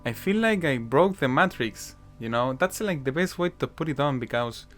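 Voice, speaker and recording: A gaming YouTuber with a mid-range, fairly bright voice chats casually in improvised commentary, his intonation lively and his pace moderate. He drops "you know" fillers frequently, with faint guitar music in the background.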